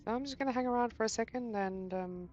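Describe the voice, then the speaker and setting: A woman hosting a gaming channel, chatting casually to herself as she plays, excitable and quick to swear mildly. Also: a little high, highs cut off, soft background music. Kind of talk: casual gameplay commentary.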